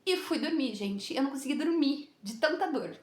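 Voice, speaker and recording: A young woman telling a personal story to camera in a lively way, laughing often and acting out what people said. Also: high-pitched, brisk. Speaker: vlogger. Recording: echoey room.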